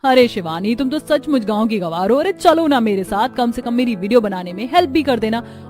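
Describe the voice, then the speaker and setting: A woman's voice: a little high, lively intonation, a little fast, darkish tone, soft background music, natural voice. A woman voicing a scornful city-girl influencer. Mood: pushy. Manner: scornful, showy. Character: vain city woman influencer, mocking sister-in-law. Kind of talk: storybook voice acting.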